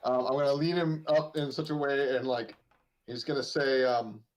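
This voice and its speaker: A man's voice: medium pitch, fairly even intonation, moderate pace, low-quality recording. A man playing a tabletop game, chatting casually in a wry, blunt way.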